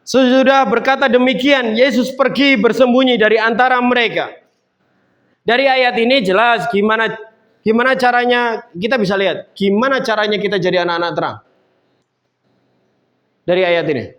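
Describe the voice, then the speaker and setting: A man's voice: very high-pitched, normal speed, pauses often, fairly bright tone. A man preaching a sermon in a casual, conversational way, building up to emphatic points. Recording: dull lo-fi sound.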